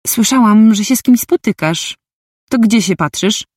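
A woman voicing an excited, teasing young female friend in an audiobook. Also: mid-range voice, moderate pace, dry recording, studio quality, voice pushed up, lightly acted.

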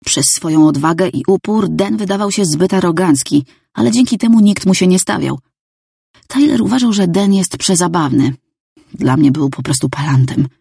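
A woman reading a novel aloud in first person, calm and even. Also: lowish voice, moderate pace, gravelly, slightly rough, no echo, clean studio sound. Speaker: audiobook narrator. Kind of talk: scripted first-person narration.

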